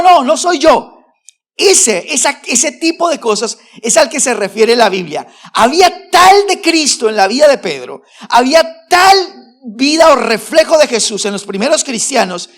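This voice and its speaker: Emphatic male pastor preaching a sermon. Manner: emphatic preaching with rhetorical questions; swings between loud stresses and low, quiet phrases.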